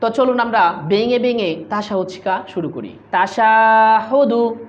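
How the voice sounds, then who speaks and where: Woman recitation teacher, Bangladeshi Bengali accent, brisk explainer with slow drawn model syllables, muffled recording. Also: medium pitch. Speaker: Quran pronunciation teacher. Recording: slightly muffled lo-fi audio.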